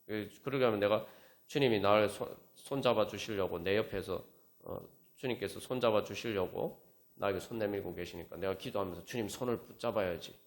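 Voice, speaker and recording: A man's voice: on the low side, fairly quick. A man preaching as pastor at a Friday prayer meeting, talking conversationally and prodding his listeners with rhetorical questions. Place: church sanctuary. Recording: echoey church room with faint instrument music.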